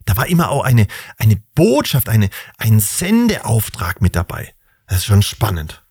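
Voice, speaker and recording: A man's voice: fairly low pitch, huge pitch swings, unhurried, a little mellow, breathy edge, no echo, clean studio sound. A man hosting a Bible podcast, teaching in a casual, reflective way and asking rhetorical questions.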